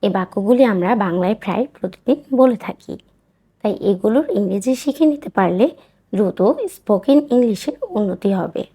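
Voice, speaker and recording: A woman reading out everyday phrases for a spoken English lesson, saying each sentence twice in a slow, deliberate way. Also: mid-range voice, mellow, slightly rough.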